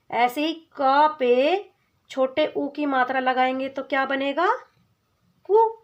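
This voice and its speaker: A woman's voice: high voice, muffled recording. A woman teaching a children's lesson on vowel signs. She patiently asks questions and answers them herself, and often calls the child "beta". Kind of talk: slow children's Hindi lesson.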